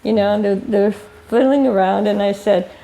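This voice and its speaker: An older woman, a filmmaker, telling animated stories in an interview and laughing often as she acts out what people said. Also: mid-range voice, normal speed, creaky, poor audio. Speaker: filmmaker guest. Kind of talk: casual storytelling interview.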